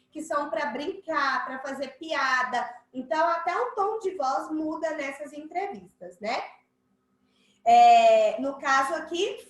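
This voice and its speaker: Teaching children online, a playful Brazilian woman acts out her examples in changing voices as she explains the lesson. She speaks with a Brazilian Portuguese accent in a high, fairly bright voice, captured in a rough recording from an echoey room.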